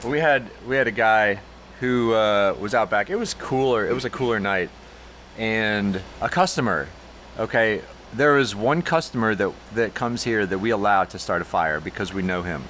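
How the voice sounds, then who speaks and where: A man's voice: normal speed, a little hiss or hum. A man co-hosting a casual podcast, telling bar stories with lots of energy and acted-out voices. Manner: animated, jumps high when acting out the story. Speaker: podcast co-host, brewery owner. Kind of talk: casual storytelling chat.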